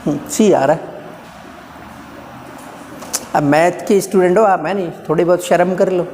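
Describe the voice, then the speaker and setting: A man's voice: high-pitched, measured pace, a little mellow. A male physics teacher lecturing a live class, coaxing and teasing his students as he talks through each step aloud. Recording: reverberant classroom, faint background noise.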